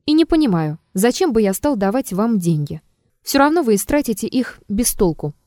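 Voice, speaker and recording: A woman voicing a calm, aloof man in an audiobook, answering coolly and dryly. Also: on the high side, normal speed, dry recording. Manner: calm and dry.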